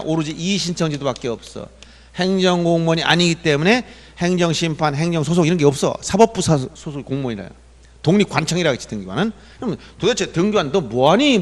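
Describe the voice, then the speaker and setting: A man lectures on law for exam students in a high voice, firing questions at the class and answering them himself. He talks with insistent, emphatic repetition. The sound carries a long reverb, as from a hall.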